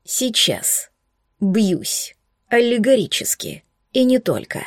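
A woman voicing a strained, brooding male coral dragon prince who speaks slowly and low. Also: big pitch swings, no echo, clean studio sound, heavily acted. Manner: slow, low, groaning delivery.

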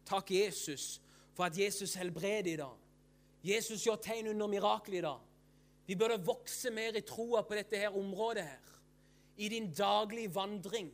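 A man preaching a sermon with fervor and emphasis. He asks and answers his own questions, repeats phrases and keeps breaking into hallelujahs. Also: high voice.

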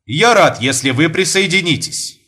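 A man's voice: on the high side, lively intonation, normal speed, pushed and bright, breathy edge, voice pushed up, exaggerated voice. A man voicing a domineering host who turns cruel on his wife, speaking in a commanding, cutting way. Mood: toasting. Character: stern domineering host, father, turning cruel.

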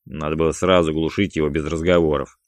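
A man's voice: rumbling low, little pitch movement, quick pace, no echo. A man reading an audiobook, voicing a cool, calculating male gangster who speaks in a dry, curt, mocking way. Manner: dry, curt, mocking, snapping when angry.

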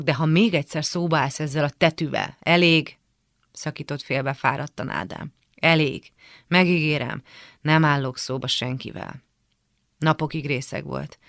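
Woman with a gravelly voice reading a memoir. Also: sits low, a bit bright, no echo, clean studio sound. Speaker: reader of a memoir excerpt. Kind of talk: literary reading on radio.

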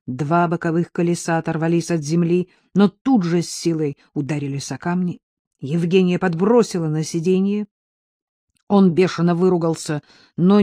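An audiobook narrator reading an action novel in an even, steady way. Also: mid-range voice, no echo, clean studio sound.

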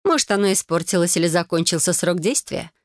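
A woman's voice: lowish voice, animated, fast, dry recording, natural voice. Brief: matter-of-fact healer woman, firm delivery, read by a woman, dry close sound. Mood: businesslike. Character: brisk red-haired female healer, matter-of-fact.

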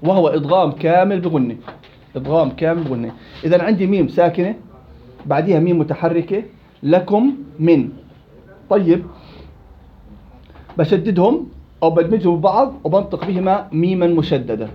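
A high-voiced man runs a Quran recitation lesson at a fast clip, calling on his students by name. He moves quickly from question to question. The recording is dull and lo-fi. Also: a little hiss or hum. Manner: lively, quizzing students by name. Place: indoor study circle.

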